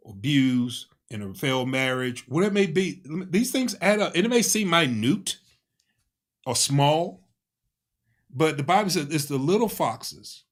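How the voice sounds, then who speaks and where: A man with a mid-range voice co-hosts a relaxed couples talk show. He speaks emphatically, almost like a preacher, and keeps backing up his partner with quick agreement. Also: mid-range voice. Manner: emphatic, preacher-like, affirming with frequent "yeah". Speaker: co-host.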